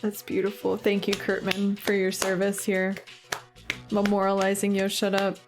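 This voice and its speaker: A young woman streaming a video game, reacting excitably, laughing often and swearing playfully. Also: mid-range voice, moderate pace, over music. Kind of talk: casual game-stream commentary.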